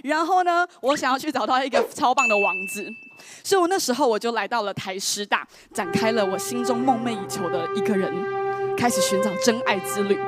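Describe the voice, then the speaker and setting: A woman, telling a personal story in an animated, exclamatory way. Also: on the high side, a little fast. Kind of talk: lively storytelling. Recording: voice over loud background music. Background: background music.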